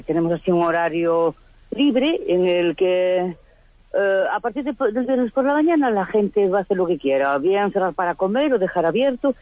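On a thin, dry phone-like line, a woman with a Spain accent gives a casual interview. She explains informally and haltingly, as an organiser would. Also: mid-range voice, dry recording. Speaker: event organiser being interviewed.

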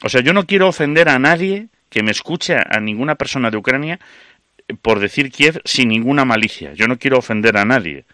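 A man's voice: medium pitch, animated, fairly quick, bright, forceful tone, dry recording, studio quality. A man hosting a radio interview, talking in a conversational, reflective way. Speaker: radio host.

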